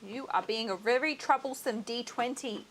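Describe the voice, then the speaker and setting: A woman's voice: fairly high pitch, moderate pace, a little hiss or hum, rough recording. A young adult woman with an Australian accent, hosting a livestream and chatting casually while she crafts, laughing often. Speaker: livestream host. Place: home crafting setup.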